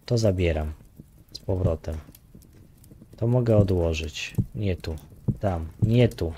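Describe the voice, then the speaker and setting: A man's voice: low-pitched, slow, dark tone, a little hiss or hum. A man casually talking through his own game play, muttering counts and grumbling with light swearing. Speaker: gaming YouTuber. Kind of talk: casual let's-play commentary.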